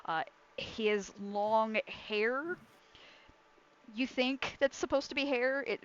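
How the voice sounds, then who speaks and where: A woman's voice: on the high side, takes it slowly, clean tone, muffled recording. A woman running a tabletop game, improvising descriptive narration in an informal way. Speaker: game master.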